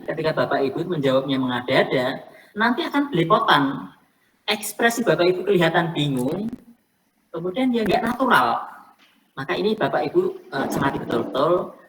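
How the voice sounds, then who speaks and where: A woman coaching teachers for selection interviews, explaining in a casual way and repeating her key points. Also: lowish voice. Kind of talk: online coaching session talk. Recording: faint noise, somewhat distant from the mic.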